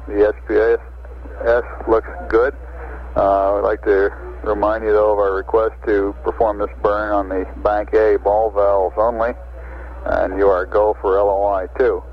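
American man on muffled, noisy space radio. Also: lowish voice. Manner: halting, businesslike. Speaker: spaceflight capsule communicator. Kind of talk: procedural radio communication.

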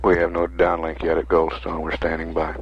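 An American man giving official live mission commentary as a control center announcer, measured and matter-of-fact. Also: sits low, completely flat delivery, slight background noise. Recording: dull 1960s broadcast recording.

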